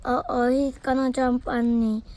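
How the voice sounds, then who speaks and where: A woman with Korean as her first language, reading a comic book aloud slowly and carefully, sound effects included. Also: sits high, flat delivery, a little mellow. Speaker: storybook reader.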